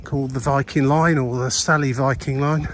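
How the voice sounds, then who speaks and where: A man's voice: medium pitch, steady tone, normal speed, poor audio. An older man chatting casually while walking a clifftop path, slightly breathless, with lots of fillers and restarts. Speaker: walking vlogger. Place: outdoors on a clifftop coastal path. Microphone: body-worn mic while walking. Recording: loud outdoor wind and traffic noise. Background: outdoor ambience and passing vehicles.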